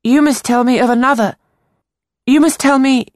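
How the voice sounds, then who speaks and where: A woman voicing an earnest, solemn ten-year-old boy who speaks in a high, urgent way. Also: steady tone, normal speed, darkish tone, no room sound, clean studio sound, lightly acted.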